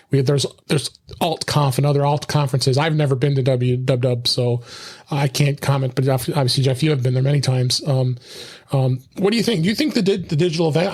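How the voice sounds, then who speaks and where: A man's voice: on the high side, a little mellow. A man hosting a casual tech podcast, rambling with many fillers and restarts. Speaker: podcast host.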